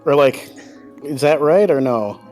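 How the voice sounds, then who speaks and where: A man's voice: on the high side, expressive, a little slow, a little mellow, faint music behind. A young man joking bluntly with friends in casual chat, swearing freely. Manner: blunt, swears a lot, jokey. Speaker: friend on the stream.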